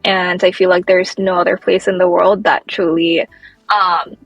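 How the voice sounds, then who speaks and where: Husky-voiced woman from Nepal. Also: lowish voice, level tone, normal speed, no room sound, highs cut off. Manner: chatty, leans heavily on "like". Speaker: guest, founder. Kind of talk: casual interview. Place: New York City.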